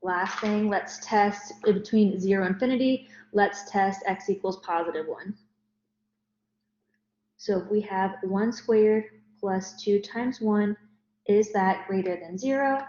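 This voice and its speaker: A woman's voice: mid-range voice, a little slow, darkish tone, a little hiss or hum. A woman teaching math in a recorded lecture, explaining each step. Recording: roomy, dull lo-fi recording.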